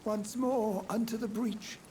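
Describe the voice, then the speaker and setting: A man's voice: high-pitched, steady tone, a little slow, dark tone. An actor voicing an older, proud and dutiful male doctor in a video game, formal and earnest. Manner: earnest, formal and stiff-upper-lip. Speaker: game character. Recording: game audio under music.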